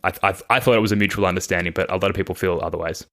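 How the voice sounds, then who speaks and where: A man's voice: sits low, rapid-fire, a bit bright. An Australian man hosting a casual sports podcast, rambling and self-deprecating, laughing now and then. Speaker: podcast host.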